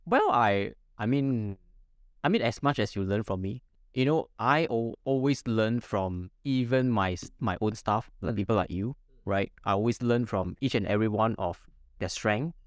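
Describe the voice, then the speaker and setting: A man's voice: on the low side, lively intonation, normal speed, no echo, clean studio sound. A man speaks as a podcast guest in casual interview talk, earnest and encouraging. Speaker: podcast guest, marketing boss.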